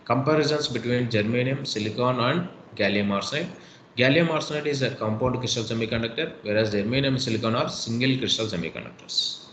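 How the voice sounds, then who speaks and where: A man's voice: medium pitch, fast, a bit bright. An Indian English-accented man lectures online in an echoey room with a faint hiss behind him. He hammers points home by repeating them, leaning on fillers between phrases. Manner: repetitive, emphatic, many fillers.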